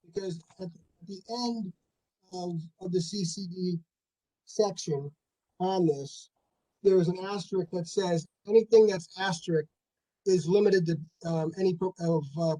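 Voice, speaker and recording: A man's voice: high voice, steady tone, measured pace, dark tone, poor audio. A man presenting zoning regulations over a video call, his audio cutting in and out and his volume uneven, often repeating words as he explains. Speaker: staff planner presenting a zoning text change. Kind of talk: explaining regulations at a public meeting.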